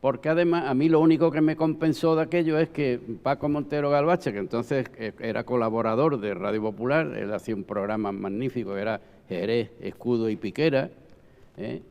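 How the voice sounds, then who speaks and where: A man's voice: medium pitch, a little fast, darkish tone, clean tone. An older man reminisces reflectively and emphatically in a round-table talk, often checking for agreement. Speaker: panel guest, former Holy Week proclamation speaker. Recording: long hall reverb.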